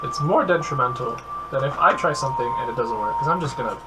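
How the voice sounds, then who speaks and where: A woman's voice: very deep voice, animated, fast, heavy background noise. A woman playing a tabletop game, chatting playfully and thinking aloud. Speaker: player. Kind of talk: casual tabletop game chat.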